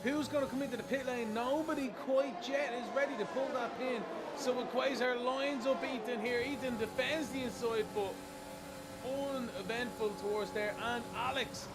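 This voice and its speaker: A man giving live racing commentary as an excitable motorsport commentator. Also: very high-pitched, normal speed. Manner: motorsport commentator delivery, building excitement on moves.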